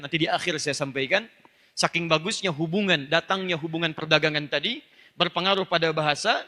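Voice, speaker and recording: High-voiced, very bright male preacher in reverb. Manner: emphatic teaching voice, addressing listeners directly; slips into fluent Arabic phrases and recitation. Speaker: Islamic preacher. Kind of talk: religious lecture. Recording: long hall reverb.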